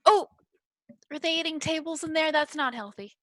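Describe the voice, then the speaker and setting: Female tabletop player: highish, forceful bright voice, excitable casual banter. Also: moderate pace, dry recording, clean studio sound. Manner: animated, exclamatory.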